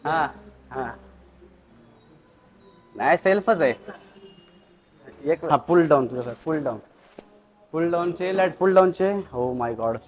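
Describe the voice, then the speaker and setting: A man's voice: fairly high pitch, animated, slow pace, long pauses. A man vlogging at the gym, energetically urging a friend through reps and counting sets. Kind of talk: casual gym vlog coaching. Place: gym indoors.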